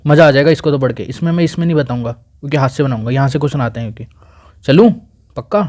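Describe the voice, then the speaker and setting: A young man teaches at a whiteboard with a mellow, dark voice. He drills place names again and again and keeps prodding his students to repeat them aloud. His delivery is informal and coaxing. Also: medium pitch, very fast. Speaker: exam coaching teacher. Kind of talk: whiteboard lesson. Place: indoors at a whiteboard.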